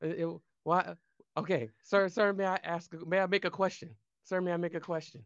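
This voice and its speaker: A man's voice: high voice, fairly even intonation, fairly quick, fairly bright tone, smooth, no room sound, dull audio. A man playing a flustered, helpless young cadet who stammers and repeats himself in a comedy skit.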